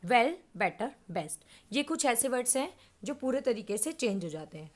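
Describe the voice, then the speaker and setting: A woman's voice: a little high, very animated, a little slow. A woman teaching English grammar in Hindi, patiently explaining and reading out word lists.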